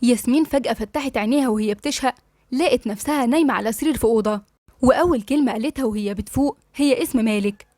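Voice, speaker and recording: A woman with an Egyptian accent narrating a novel in a steady, flowing storytelling manner. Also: fairly high pitch, rapid-fire, dry recording.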